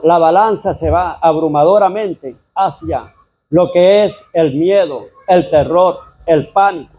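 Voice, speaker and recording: Husky high-voiced preacher man. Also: dark tone. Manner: preaching, repeatedly addressing listeners as "hermano". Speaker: pastor. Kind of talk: sermon.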